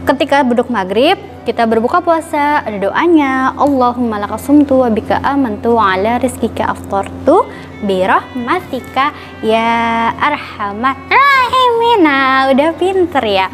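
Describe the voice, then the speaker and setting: High-voiced woman teaching children through puppetry. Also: animated, unhurried, a bit bright, soft background music. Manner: simple explanations with repeated questions and phrases. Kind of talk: educational storytelling dialogue for children.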